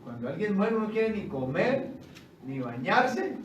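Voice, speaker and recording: High-voiced preacher in an echoey room. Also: male voice, unhurried, highs cut off, a little hiss or hum. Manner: lively, conversational preaching with joking asides; rises loudly when reading scripture. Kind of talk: sermon. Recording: roomy and distant with faint ambience.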